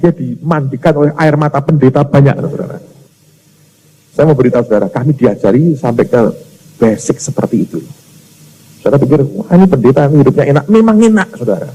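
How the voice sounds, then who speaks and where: A man's voice: mid-range voice, mellow, breathy edge. A male pastor, preaching a sermon and telling stories with acted-out voices. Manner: storytelling, acts out quoted voices, addresses the congregation as "saudara". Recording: long reverb of a large hall.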